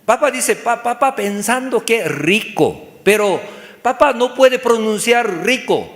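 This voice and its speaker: A man's voice: very high voice, animated, slow, fairly bright tone, big-room sound. A man preaching a sermon in simple, broken phrases, asking rhetorical questions and acting out little dialogues. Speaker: pastor. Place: church.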